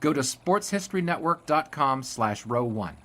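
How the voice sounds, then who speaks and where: A man voicing a smooth-talking 1920s sportswriter with suave, salesy charm. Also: medium pitch, lively intonation, moderate pace, noisy background, natural voice. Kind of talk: 1940s radio acting.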